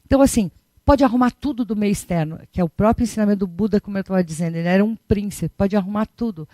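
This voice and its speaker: Uma mulher dando uma palestra budista em tom de conversa, cheia de perguntas retóricas e de "né?". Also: female voice, medium pitch, fast, warm tone, no room sound. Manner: chatty, rhetorical questions, frequent tag "né?". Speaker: Buddhist teacher. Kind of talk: conversational dharma talk.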